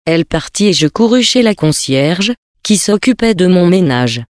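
Story reader, steady and measured, dry close sound, no room echo. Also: medium pitch. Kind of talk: scripted narration of a novel.

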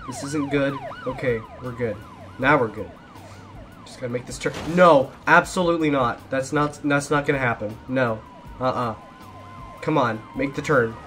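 A man's voice: mid-range voice, normal speed, fairly bright tone, a little hiss or hum. A young man giving casual gameplay commentary while driving from police, often repeating himself when things go wrong. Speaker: gaming YouTuber.

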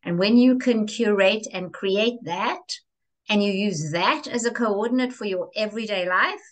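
A woman speaking as a guest in an interview, expressive and theatrical, with lively emphasis on key words. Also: mid-range voice, moderate pace. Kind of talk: enthusiastic interview conversation.

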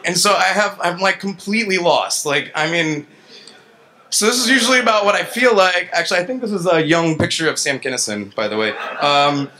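An engineer in his thirties gives a casual, colloquial conference talk on a stage in an indoor gallery event space, poking fun at himself and acting out his reactions. He speaks fairly quickly in a high, bright, forceful voice into a handheld-style vocal mic on a stand, with a slight hiss or hum audible.

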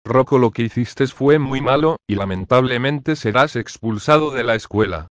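Casting: male TTS voice as a formal strict teacher, mid-pitched, dry sound. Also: normal speed, no echo, close to an everyday voice. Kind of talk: text-to-speech cartoon fan video.

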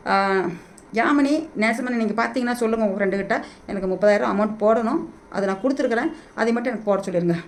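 Fast pleading middle-aged woman vlogger. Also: on the high side, slight background noise. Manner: pleading, repetitive, rapid-fire and agitated. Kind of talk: emotional direct-to-camera plea. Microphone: phone held in hand.

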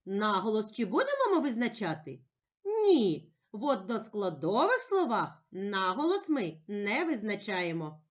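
A woman teacher giving a slow, clear reading lesson to young children, stretching out the sounds in a sing-song way. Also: mid-range voice, big pitch swings. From Ukraine.

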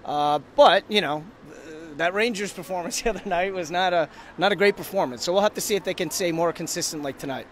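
A man in his thirties with a fairly high voice gives casual post-game analysis, restarting sentences as he goes. He talks into a phone held at arm's length in an empty arena, with a light hum behind. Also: brisk. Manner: hesitant, lots of restarts. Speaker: hockey reporter guest. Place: inside an empty hockey arena, rinkside. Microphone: host's phone at arm's length.

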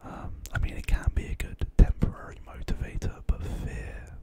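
A man in his twenties gives a whispered, gentle and reassuring pep talk in a breathy, rambling ASMR style, close to the microphone. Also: moderate pace. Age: 20s. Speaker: ASMR creator. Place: small quiet bedroom. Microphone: close large studio microphone on desk.

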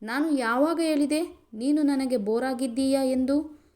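Woman reading young husband, stern, doting, scolding, fairly high voice, storybook. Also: fairly even intonation, measured pace, darkish tone. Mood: angry scolding. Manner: scolding, then pleading.

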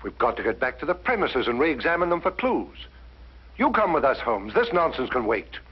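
A man plays an officious police inspector in a 1950s drama. He is mid-pitched, with animated intonation and formal, stolid phrasing. The old soundtrack is dull, with music behind it. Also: normal speed, natural voice. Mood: impatient. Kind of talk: 1950s television drama acting.

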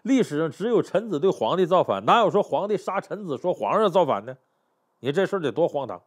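Brief: a man spinning a history tale, lively pitch, slightly high voice, keeps asking the audience questions. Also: fast talker. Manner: chatty, animated, rhetorical questions to the listener. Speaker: history storyteller. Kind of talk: storytelling history talk.

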